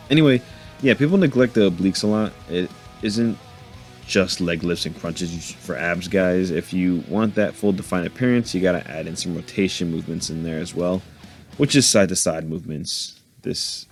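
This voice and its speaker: Laid-back deep-voiced man over faint music. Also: normal speed. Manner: laid-back, joking, laughs to himself. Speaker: fitness vlogger narrating his workout. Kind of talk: casual voice-over commentary.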